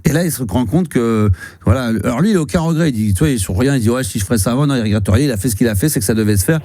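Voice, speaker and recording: Very fast and expressive, this mellow, medium-pitched voice belongs to a radio host in his fifties chatting casually with a caller. He rambles with lots of fillers and restarts, recorded cleanly in a radio studio without echo.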